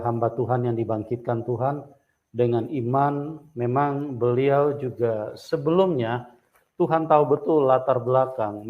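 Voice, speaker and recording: A man hosting a church interview, speaking slowly and affirming often. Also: mid-range voice. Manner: slow, measured, frequent affirmations. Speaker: host. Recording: phone-like narrow sound.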